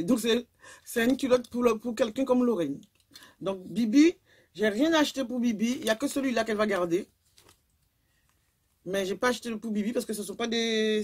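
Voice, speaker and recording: A woman's voice: fairly high pitch, a little mellow, slightly rough. A woman, casually chatting through a clothing haul video and rambling with lots of fillers. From Guadeloupe. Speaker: vlogger.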